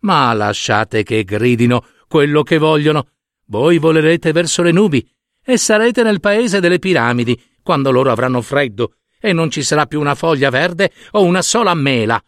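A man's voice: fairly high pitch, expressive, moderate pace, dry recording, clean studio sound, close to an everyday voice. A man voicing a bossy mother stork in a storybook reading, drilling her chicks with counted beats. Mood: firm.

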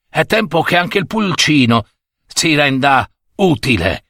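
A man reading a story aloud, voicing a grumpy old farm master who gruffly scolds his servant. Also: fairly high pitch, very animated, unhurried, sharp tone, dry recording, clean studio sound, heavily acted. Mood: commanding.

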